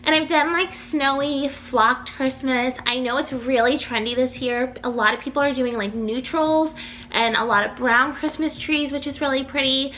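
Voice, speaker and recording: Her voice is high, pushed and bright at a moderate pace, and the recording is rough. She's a young adult home decor vlogger chatting upbeat and rambling, her voice slightly off as she recovers from illness.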